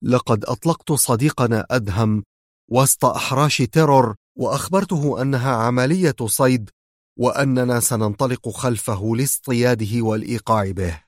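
A man voicing a calm, smug male villain who mocks his captive quietly and without hurry. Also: mid-range voice, no room sound, clean studio sound, natural voice. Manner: quiet, mocking and unhurried.

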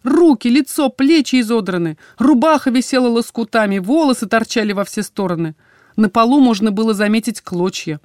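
A woman reading a first-person fantasy audiobook with expressive, dramatic storytelling. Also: on the high side, fairly quick, dry recording, studio quality. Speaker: audiobook narrator.

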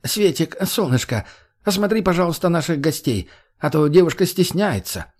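A man voicing a jumpy, shrill middle-aged man who squeals commands at strangers, in an audiobook. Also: big pitch swings, moderate pace, husky, exaggerated voice. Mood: purring, sweet. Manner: shrill, squealing under strain.

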